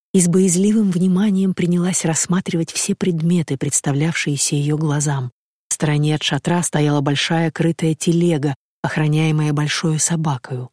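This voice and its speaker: An audiobook reader giving scripted literary narration in an even, measured storytelling manner. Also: medium pitch, dry recording, studio quality.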